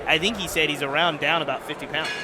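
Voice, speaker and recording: Higher-pitched male boxing play-by-play commentator. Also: fast, background noise. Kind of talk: live sports commentary. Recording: loud music and crowd behind.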